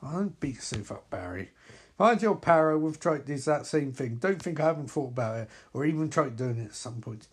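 A man voicing a gruff, brooding adult male superhero in a casual comic read-aloud, speaking low and quietly. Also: lively intonation, brisk.

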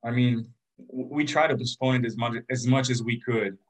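A man's voice: mid-range voice, normal speed, rough recording. A man hosting a basketball podcast, chatting casually and joking as he runs through lists of teams. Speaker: podcast host. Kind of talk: casual sports chat.

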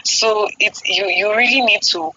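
A woman's voice: mid-range voice, normal speed, bright, forceful tone. A woman, talking about faith in an earnest, casual way and laughing often. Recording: slightly dull audio with faint background noise.

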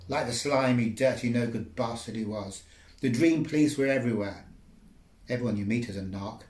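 A man's voice: mid-range voice, moderate pace, darkish tone. A man reading surreal micro-fiction aloud in a wry, rambling, dreamlike way. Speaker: storyteller. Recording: roomy echo.

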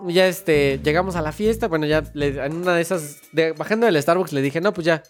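A young man from Mexico with a Mexico City accent, telling a story in casual chat, slangy and animated, often laughing. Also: a little high, fairly quick, soft background music. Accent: Mexico City Spanish.

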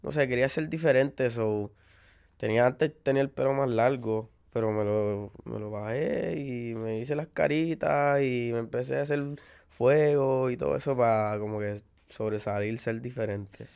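A young man from Maryland with a Puerto Rican accent, a songwriter guest talking in a relaxed, laid-back way and dropping in English words. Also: mid-range voice, moderate pace, creaky, clear, resonant tone. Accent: Puerto Rican Spanish. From United States (Maryland). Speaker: music artist and songwriter guest. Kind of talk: casual interview.

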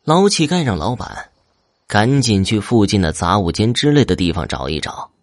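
A man narrating a folk ghost story in a lively, expressive storytelling manner. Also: fairly low pitch, dry recording, clean studio sound.

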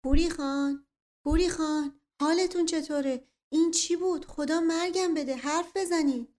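A woman's voice: high-pitched, darkish tone, pitched above the performer's own voice, lightly acted. A woman voicing a panicked, shrieking female servant.

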